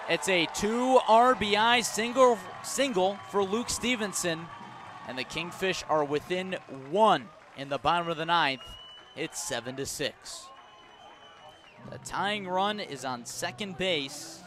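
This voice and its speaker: Outdoors at a ballpark, a male play-by-play announcer calls a baseball game live on the radio in clipped, descriptive phrases that build with the action. His voice sits high with a fairly bright tone. There is slight background noise.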